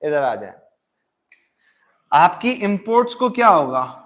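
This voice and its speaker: A man's voice: high voice, big pitch swings, slow, fairly bright tone. A man teaching economics to a class, asking repeated questions and mixing in English. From Pakistan. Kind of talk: classroom lecture.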